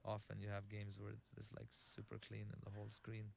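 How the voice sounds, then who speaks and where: A man giving developer commentary on his own game, halting and full of fillers and restarts. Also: on the low side, completely flat delivery, creaky, darkish tone, slight background noise.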